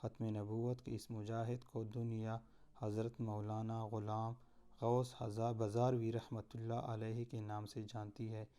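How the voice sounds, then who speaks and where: A man tells a devotional tale in a solemn, measured manner. His voice sits low and stays fairly flat. The tone is mellow and dark. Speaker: storyteller. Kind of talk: devotional story narration.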